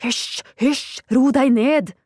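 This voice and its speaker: A woman reading an audiobook, voicing an excitable, fussy elderly male cousin who hisses and frets. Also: mid-range voice, no echo, studio quality, close to an everyday voice. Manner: agitated, hissing.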